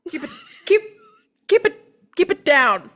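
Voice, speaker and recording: A woman's voice: sits high, sing-song, unhurried, bright, forceful tone. A young woman co-hosting a podcast, chatting casually with teasing asides. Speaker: podcast co-host. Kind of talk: casual chat.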